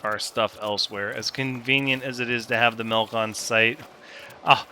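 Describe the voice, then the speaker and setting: Man, gameplay commentator, very bright tone, self-joking, counts aloud, faint game sounds behind. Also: medium pitch, little pitch movement, moderate pace, slight background noise. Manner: thinks aloud, counts, jokes with himself.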